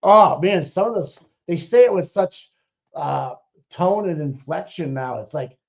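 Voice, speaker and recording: Excitable man, muffled stream audio. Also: on the high side, a little slow, creaky. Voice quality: profane, excitable, rambling with restarts. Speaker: co-host. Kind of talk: casual chat.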